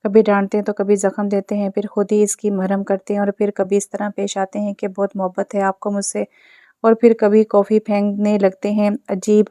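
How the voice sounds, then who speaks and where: A woman's voice: medium pitch, completely flat delivery, dark tone, no room sound, studio quality, close to an everyday voice. A woman reading the lines of an innocent young wife, timid and sulky, in a plain, level storybook reading. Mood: upset.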